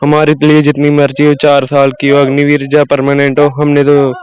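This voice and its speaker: Young man speaking in a flat monotone. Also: a little high, moderate pace, clean tone, dry recording. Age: young adult. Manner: earnest, determined. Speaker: army aspirant. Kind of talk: interview answers. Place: outdoor training ground.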